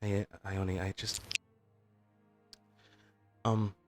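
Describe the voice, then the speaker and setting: A man voicing a soft-spoken, hesitant teammate who offers support over a comm line, talking quietly and haltingly. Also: low voice, little pitch movement, over music. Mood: gentle.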